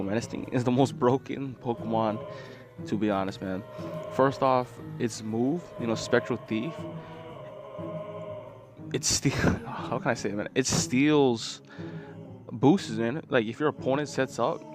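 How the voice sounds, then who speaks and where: A man hosts a countdown video in a casual, slangy style. He peppers his commentary with "man" as he ranks his picks. His voice sits at an average pitch, with music in the background. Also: a little slow, pauses often. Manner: slangy, often says "man". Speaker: video host.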